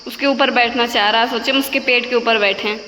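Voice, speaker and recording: A woman talks her viewers through her toddler's antics in a casual home vlog, switching to cooing at the child. Her voice is sharp and bright. It carries a long reverberant tail and a faint hiss from the room. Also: a little high, fairly even intonation, fast. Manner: chatty, narrates to viewers, coos at the baby. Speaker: vlogger filming her toddler. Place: home, indoors.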